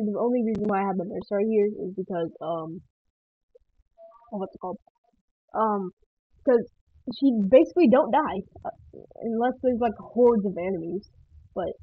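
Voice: medium pitch, dry recording. A speaker giving casual gameplay commentary for a guide, rambling and hesitant, often laughing and trailing off. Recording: tinny phone-like dry sound.

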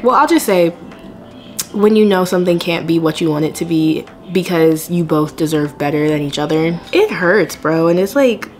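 A woman's voice: fairly low pitch, animated, normal speed, darkish tone. A young adult woman vlogging to camera in a casual, candid and confiding way.

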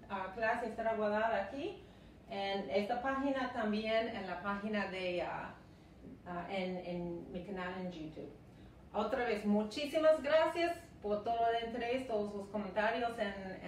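A woman teaching a live online language lesson, repeating phrases slowly and patiently for beginners. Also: mid-range voice, slight background noise. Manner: slow, repeats phrases for learners. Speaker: English teacher. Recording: echoey room, mic at a distance.

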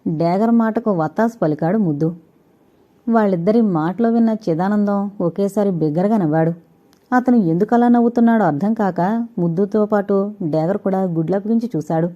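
A woman narrating a suspense thriller audio novel in a steady, dramatic storytelling manner. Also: medium pitch, moderate pace. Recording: dull lo-fi recording.

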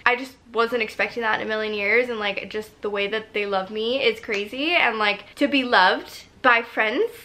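A young woman talks straight to the camera from her bedroom, chatty and gushing, with "like" in nearly every sentence. Her voice sits a little high and sounds very bright. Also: moderate pace, few pauses. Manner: chatty, gushing, says "like" a lot. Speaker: vlogger. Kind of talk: casual chat to camera. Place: bedroom and home kitchen, indoors.

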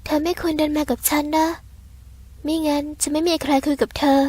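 A woman voicing a quiet, reserved young half-blood woman who speaks in soft, terse, calm lines in an audio novel. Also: high-pitched, fairly quick, lightly acted.

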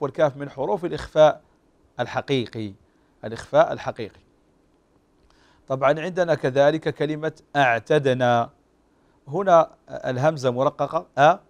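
Man teaching Quran recitation. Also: mid-range voice. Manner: slow, drawn-out demonstration of pronunciation; explains calmly with frequent fillers. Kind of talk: tajweed lesson on a TV show.

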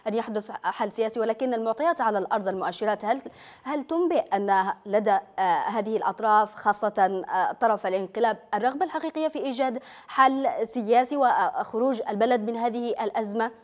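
A woman hosting a live TV news interview from a studio, asking questions quickly with many hesitant fillers. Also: a little high, darkish tone. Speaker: news host.

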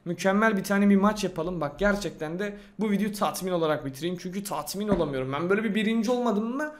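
Excitable young man commentating gameplay. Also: sits high, fast talker. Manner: excitable, talks to himself while playing; slangy and boastful. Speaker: gaming YouTuber.

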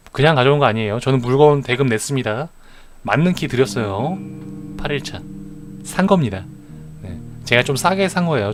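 A man streaming a game live, chatting in a joking, mock-earnest way as he justifies his moves. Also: mid-range voice. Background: music.

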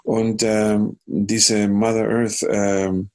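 A man from Chile with a Chilean Spanish accent, a music producer telling animated stories in a podcast interview, humming melodies and acting out dialogue. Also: on the low side, drawn-out words. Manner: animated storyteller who hums melodies and acts out dialogue. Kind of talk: casual podcast interview storytelling.

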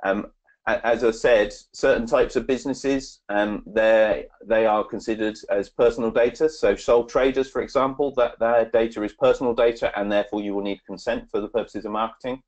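A man giving a webinar presentation and answering questions, halting with many fillers and restarts. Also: lowish voice, fairly even intonation, lo-fi sound.

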